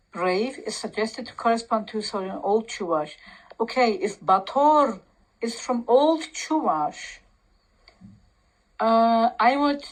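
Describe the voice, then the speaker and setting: A woman with a Turkish accent reads a passage aloud and comments on it as she goes. She speaks slowly, with many pauses, fillers and restarts. Her voice sits in a middle pitch range. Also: poor audio. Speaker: language commentator. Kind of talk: reading and commenting on a text.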